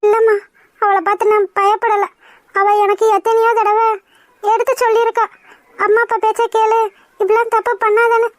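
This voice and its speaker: Cartoon village girl, tearful, self-blaming, squeaky high voice, dry close sound. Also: little pitch movement, normal speed, long pauses, no echo. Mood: ashamed. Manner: sobbing, self-blaming pleas. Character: remorseful young village woman, tearful. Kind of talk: cartoon voice acting.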